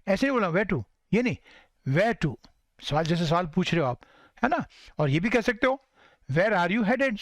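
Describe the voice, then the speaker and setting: Man, high voice, English teacher; dry close sound, slow model sentences, frequent check-ins with listeners. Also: no room sound. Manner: mixes Hindi and English, slows down to model English sentences. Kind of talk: spoken English lesson.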